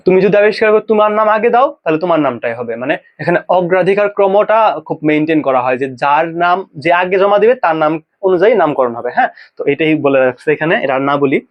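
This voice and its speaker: A young man from Bangladesh, teaching a casual biology lesson and drilling pronunciations by repeating them slowly. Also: on the high side, lively intonation, lo-fi sound. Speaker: biology tutor. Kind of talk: informal exam-prep lecture.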